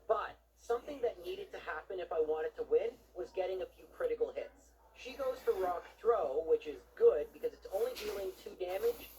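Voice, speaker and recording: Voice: mid-range voice, expressive, moderate pace, few pauses, mellow, slight background noise, poor audio. A narrator giving scripted video game commentary in an explanatory, conversational way.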